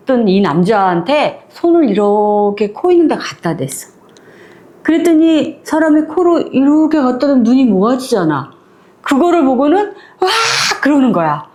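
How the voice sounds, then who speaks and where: Woman, storyteller, high voice, casual retelling, lively, acts out lines.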